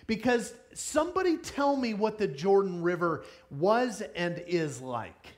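A man's voice: high-pitched, measured pace. Upbeat man preaching to kids. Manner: energetic, playful, asks the kids questions. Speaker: children's pastor. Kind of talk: kids' sermon with audience interaction.

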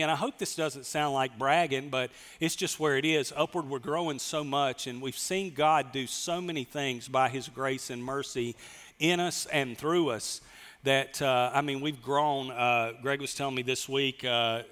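A man in his mid-fifties preaching in a relaxed, folksy way, tossing jokes at his own expense to the congregation. His mid-range voice carries a long reverb from the church hall around him. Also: mid-range voice. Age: 50s. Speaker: pastor. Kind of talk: conversational sermon. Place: church sanctuary.

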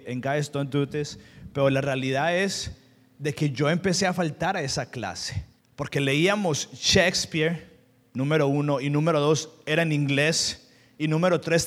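A young male pastor from Colombia with a Colombian Spanish accent, preaching with earnest personal storytelling. His voice sits a little higher than most men's. It rings out with a long hall reverb. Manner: earnest, personal storytelling, slips into English asides. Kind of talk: sermon.

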